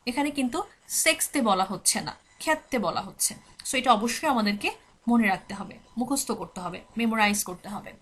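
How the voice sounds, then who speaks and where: A woman teaching a language lesson, explaining patiently and repeating each example word slowly for practice, with English words mixed into her speech. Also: fairly high pitch, fairly bright tone.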